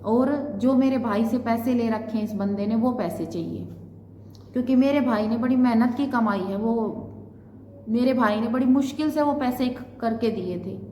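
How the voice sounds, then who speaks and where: A fairly high-voiced woman in her thirties tells her own story to the camera, earnest and repetitive as she goes back over what was said. The room around her rings with a long, echoing reverb, and a faint hiss sits underneath. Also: normal speed, warm tone. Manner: earnest, repetitive, quotes others' words. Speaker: vlogger. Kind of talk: emotional personal storytelling.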